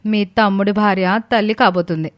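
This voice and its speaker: In a family story, a woman with a mid-range, fairly even voice plays a jealous young wife who schemes against her sister-in-law, complaining and sarcastic in a bitter, sulky mood. She speaks fairly quickly, sounding close to everyday speech, on a dry recording.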